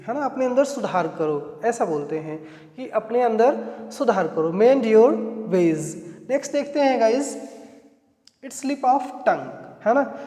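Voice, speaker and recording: A man's voice: extremely high pitch, mellow. A man with an Indian accent teaching spoken English, explaining each phrase and repeating it with frequent tag questions. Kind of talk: spoken English lesson in Hindi. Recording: echoey room with long reverb.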